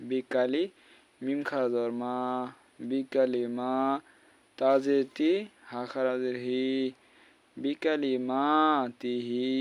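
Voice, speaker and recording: Slow, patient man teaching letter sounds. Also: mid-range voice, a little mellow, highs cut off. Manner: spells out letters and vowel marks one by one, drawn-out syllables. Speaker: Quran recitation teacher. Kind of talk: slow spoken lesson.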